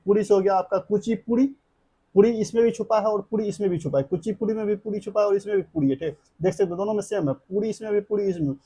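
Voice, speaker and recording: A man's voice: high-pitched, fast talker, warm tone, slightly rough. A man, teaching an exam coaching lesson. He drills a memory trick through chanted repetition and keeps checking that the class follows.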